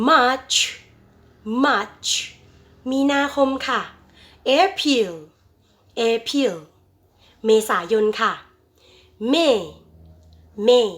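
A woman teacher drills English vocabulary, stretching each word out slowly so the children can repeat it. Her voice sits a little high, and her pace is unhurried throughout the bilingual lesson. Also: fairly bright tone. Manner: addresses students fondly as children.

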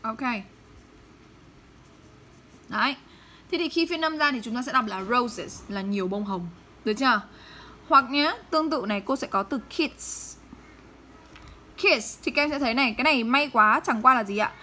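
A woman teaching English pronunciation in Vietnamese, modeling English words slowly and checking often with her students. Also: on the high side, expressive, sharp tone, a little hiss or hum. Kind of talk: pronunciation lesson.

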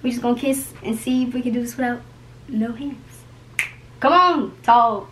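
A woman's voice: fairly high pitch, moderate pace, fairly bright tone, slight background noise. A young woman hosting a casual vlog at home, talking to camera in playful, slangy, chatty patter. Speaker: YouTube vlogger host. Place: indoors at home.

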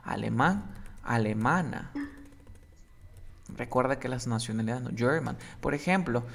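A man teaching English with a gravelly, creaky voice. He talks at an unhurried pace, drawing each word out for the student. He coaxes and corrects, exaggerating English sounds. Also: mid-range voice, lively intonation, fairly bright tone, a little hiss or hum. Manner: coaxing, drills words slowly and exaggerates English sounds. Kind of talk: casual English lesson with a student.

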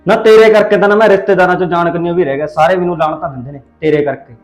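A man's voice: high-pitched, fairly even intonation, rapid-fire, reverberant, soft background music, natural voice. A young man playing a defensive, exasperated husband caught between wife and mother. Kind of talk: village family drama acting.

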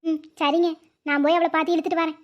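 A woman's voice: very high voice, flat delivery, fast talker. A woman voicing a scolding, fretful middle-aged village mother in a cartoon. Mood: fretting. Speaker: mother and wife. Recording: slightly dull lo-fi sound.

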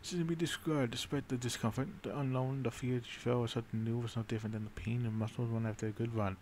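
A man's voice: medium pitch, fairly even intonation, quick pace, darkish tone, slight background noise. A man narrating a strategy game in character with brooding, dramatic storytelling, rambling along and swearing casually. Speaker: game streamer.

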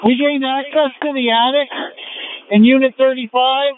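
A man's voice: very high-pitched, fairly even intonation, moderate pace. A man, a firefighter, giving urgent radio reports from a fire scene over a two-way radio. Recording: tinny noisy two-way radio, clicks.

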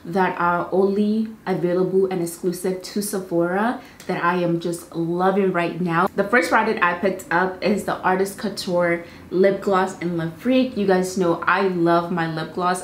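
Talking products to the camera in her home studio, a young beauty vlogger is bubbly and chatty, tossing off quick asides. Her lowish voice keeps a fairly even intonation. A little hiss or hum sits under the roomy studio sound and faint ambience.

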